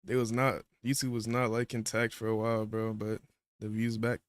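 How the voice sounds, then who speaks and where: A man in casual livestream chat, talking in relaxed slang while he eats. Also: fairly low pitch, moderate pace, smooth, no echo. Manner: laid-back slang, eating while talking. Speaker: livestream guest.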